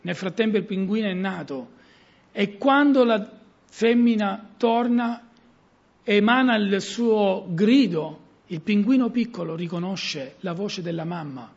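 A middle-aged man preaching with earnest emphasis that swings up and down. His voice sits high, with a gravelly, husky grain. The recording is muffled and lo-fi. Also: measured pace, darkish tone. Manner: earnest, rising and falling emphasis. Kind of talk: sermon.

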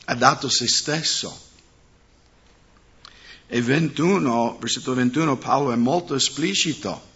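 A man preaching a sermon, asking his congregation questions as he goes. His voice is husky and sits at a middle pitch. The recording sounds dull and muffled. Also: unhurried, long pauses, bright, forceful tone. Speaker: pastor.

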